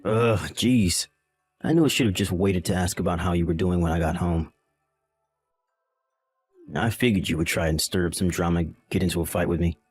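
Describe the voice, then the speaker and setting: A man's voice: sits low, moderate pace, pauses often, slightly rough, dry recording, soft background music. A man voicing a dismissive, callous young husband in a text-message drama, irritated and belittling.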